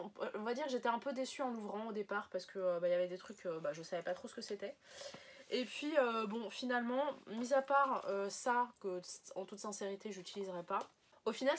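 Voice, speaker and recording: Chatty woman unboxing on camera. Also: medium pitch. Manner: chatty, rambling, many fillers and self-corrections. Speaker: unboxing vlogger. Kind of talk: casual chat showing items to camera.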